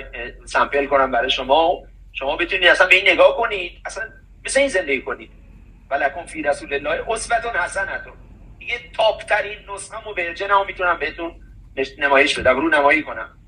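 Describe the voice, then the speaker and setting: A man in casual conversation, talking in an animated, preachy way and reciting verses as he goes. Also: a little high, recorded from a distance, low-quality recording. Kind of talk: casual chat.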